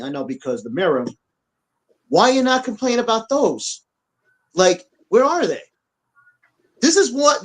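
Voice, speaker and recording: A man's voice: high voice, rough recording. A man co-hosting a podcast, ranting bluntly with repetition and swearing. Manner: blunt, repetitive, profane, animated. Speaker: podcast co-host. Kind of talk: heated opinion rant. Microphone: on camera.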